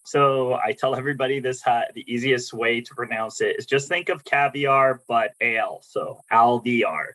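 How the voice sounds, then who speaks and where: A middle-aged man from Arizona introducing himself as a new program navigator, in a relaxed way with many fillers and restarts. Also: mid-range voice, normal speed, hardly any pauses, rough recording. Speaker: program navigator for a state agency. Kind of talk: self-introduction at a video meeting. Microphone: video call.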